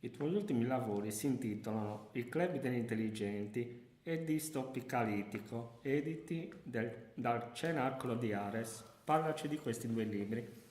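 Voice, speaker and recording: A man working as a radio interviewer asks short, direct questions in a voice of middle pitch. Behind his voice is a noticeable roomy echo. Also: expressive, normal speed, a little mellow.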